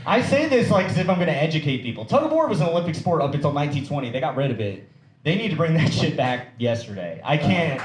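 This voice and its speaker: A young man performing a stand-up comedy set, swearing and throwing quick asides to the crowd. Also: on the high side, sing-song, over music. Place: comedy club stage with audience. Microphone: handheld stage mic. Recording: roomy club with crowd noise.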